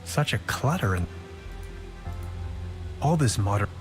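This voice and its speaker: Casting: a fussy, tidy game hero with a lively, wandering tone. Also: male voice, fairly low pitch, slow pace, soft background music. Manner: fussy, mutters about clutter and order. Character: Hans Tannhauser, a fussy orderly man.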